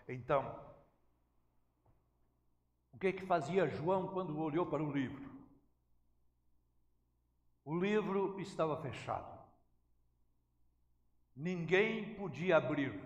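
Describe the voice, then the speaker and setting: A man preaching a sermon as pastor, emphatically questioning his congregation. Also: on the high side. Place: church sanctuary. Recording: echoey church hall.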